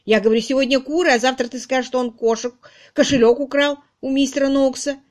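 A woman voicing a loud, bossy middle-aged charwoman in an audiobook, brusque and exclaiming. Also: high voice, fairly even intonation, fast, voice pushed up, natural voice. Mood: gushing. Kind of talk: audiobook reading.

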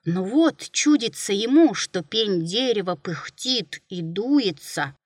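Slow expressive woman storyteller. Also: mid-range voice, no room sound, clean studio sound. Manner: expressive, dramatic reading. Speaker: narrator. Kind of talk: scripted storybook narration.

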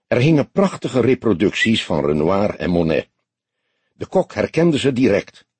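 A husky man with a low voice reading a detective story aloud, his pitch moving a lot. Dry, close sound with no room in it. Calm, measured storytelling. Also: no echo. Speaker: audiobook narrator. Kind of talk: scripted narration.

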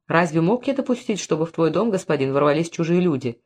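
A man's voice: a little high, expressive, fast talker. A woman reading an audiobook, voicing a loyal, devoted male servant with a humble manner.

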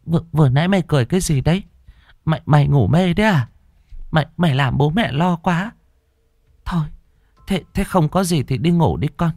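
A man's voice: fairly high pitch, animated, moderate pace, pauses often, warm tone, no room sound, studio quality, soft background music, voice pushed up. A man voicing a frightened middle-aged mother who calls out shrilly and stammers with worry. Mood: fretful. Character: panicked middle-aged mother, loud and fretful.

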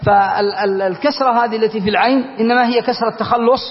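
A man from Yemen gives a classical grammar lesson in a high, light voice. He explains patiently and keeps checking that his students are following. The recording is dull and lo-fi, with long reverb from the hall. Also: fairly even intonation, fast talker. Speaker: Islamic scholar teaching grammar.

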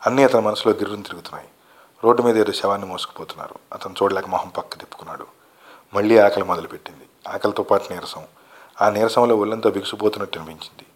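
A man reading a short story aloud as narrator, in a steady, earnest way. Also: lowish voice. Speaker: story reader.

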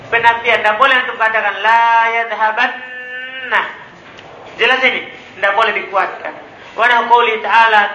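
Male grammar teacher, very high and sharp voice, echoey classroom with faint room noise. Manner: quizzing students with quick rhetorical questions. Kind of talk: classroom lecture.

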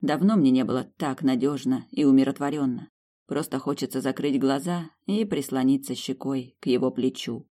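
A woman narrating a fantasy novel in the first person, lively and rising sharply in the dialogue. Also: rumbling low, normal speed. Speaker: audiobook narrator.

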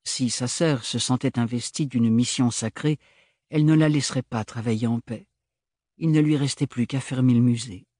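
A man narrating a novel as an audiobook reader, in measured storytelling. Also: medium pitch, dark tone, dry recording, studio quality. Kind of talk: scripted narration.

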